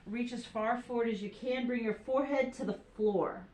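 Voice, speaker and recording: A woman yoga instructor leading a home floor routine, calmly cueing breath and poses. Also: on the high side, normal speed, reverberant.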